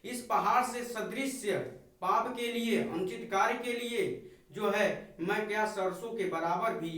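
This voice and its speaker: A man's voice: sits high, measured pace, fairly bright tone. A man teaching a poetry lesson. He recites lines of verse and then paraphrases them in plain words. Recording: very echoey room, voice far from mic.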